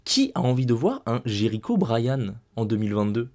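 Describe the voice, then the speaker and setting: A young wrestling recap YouTuber chats casually at home into a desk mic, his medium-pitched voice sing-song and slightly mellow at a normal speed. He rants emphatically about the show, repeating his points.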